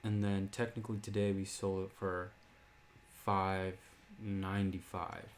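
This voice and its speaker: A man in casual chat, calmly reading out trade prices and profits. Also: low voice, unhurried, slight background noise. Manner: calm, reading out numbers.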